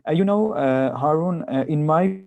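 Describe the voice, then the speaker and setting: A man speaks as an economist on an online panel, pausing often to search for words. His voice is dark and mellow. The call audio is dry and dull. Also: a little high, dry recording. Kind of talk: answering on a webinar panel. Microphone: video call.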